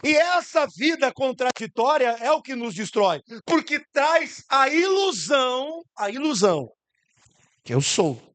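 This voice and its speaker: High-voiced Brazilian preacher. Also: male voice, sing-song, unhurried, a bit bright. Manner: rhetorical questions to the congregation; acts out quoted voices. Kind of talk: sermon.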